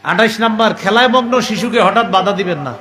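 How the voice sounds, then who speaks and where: A male preacher with a high, bright and forceful voice. He tells his stories in an animated way and acts out the people he quotes. He recites Arabic lines, then explains them point by point. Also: fairly quick. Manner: lectures in numbered points. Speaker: Islamic preacher. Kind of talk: sermon on parenting.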